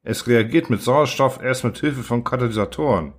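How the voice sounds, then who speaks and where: A man voicing a calm, cautious ship scientist who explains in a slow, measured way, in an audiobook reading. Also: medium pitch, slightly rough, lightly acted.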